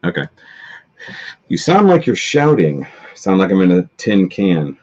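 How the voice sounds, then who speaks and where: A man's voice: deep voice, huge pitch swings, measured pace, a little mellow. A man hosting a live stream in casual chat, his voice coming through distorted and tinny while he rambles through tech trouble. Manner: rambling, self-correcting about tech trouble. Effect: distorted tinny audio. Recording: dull lo-fi stream audio.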